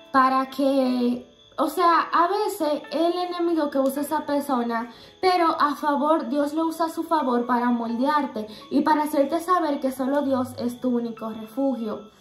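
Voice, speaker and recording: High-pitched young woman sharing a faith testimony, earnest and halting, roomy echo. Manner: earnest, halting, many fillers and restarts.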